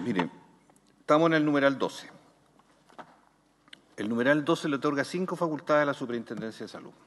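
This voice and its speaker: Chilean man chairing a committee hearing. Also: mid-range voice. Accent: Chilean Spanish. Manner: detailed questioning, brisk. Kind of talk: formal committee proceedings. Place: senate committee room. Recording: long reverb in a hall.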